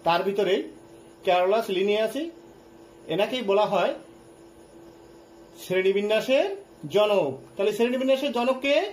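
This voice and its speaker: Male teacher, high voice, quizzes and repeats terms for students, faint hiss behind. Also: normal speed, long pauses, darkish tone, low-quality recording. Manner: repeats key terms, asks and answers his own questions. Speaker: science teacher. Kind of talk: online class lecture.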